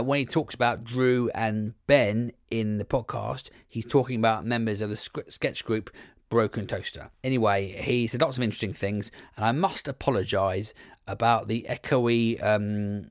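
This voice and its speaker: A man's voice: lowish voice, steady tone, a little slow, no room sound, studio quality. A British man introducing a podcast as its host in an informal, self-deprecating, jokey way.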